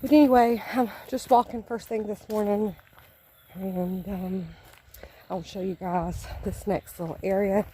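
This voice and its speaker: A woman's voice: medium pitch, steady tone, a little slow, dark tone, a little hiss or hum, rough recording. A woman chatting to viewers while walking by a lake, a little out of breath. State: slightly out of breath. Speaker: vlogger. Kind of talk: casual vlog narration. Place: outdoors by a lake, woods.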